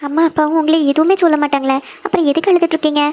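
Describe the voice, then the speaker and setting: Brief: woman playing young cartoon younger sister, concerned and probing, high voice, dull lo-fi audio. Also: steady tone, rapid-fire, darkish tone, slight background noise, natural voice. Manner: anxious, keeps pressing with questions. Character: caring younger sister, young office worker. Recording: dull lo-fi sound.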